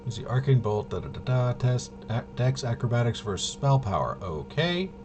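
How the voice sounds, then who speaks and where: A man running a tabletop game demo talks at a moderate pace in an expressive, medium-pitched voice. He mutters casual commentary, puzzling over things and questioning himself aloud. The recording has a clearly noisy background.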